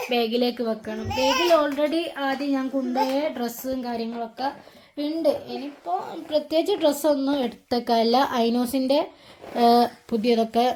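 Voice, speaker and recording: A woman's voice: on the high side, a little mellow, slight background noise. A young woman, chatting casually at home in a family vlog as she explains each step. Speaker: family vlogger, mother. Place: home, indoors.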